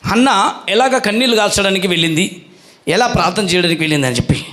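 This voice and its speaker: A man's voice: sits high, fast, fairly bright tone. A male pastor preaching a sermon, questioning the congregation and calling for their answers.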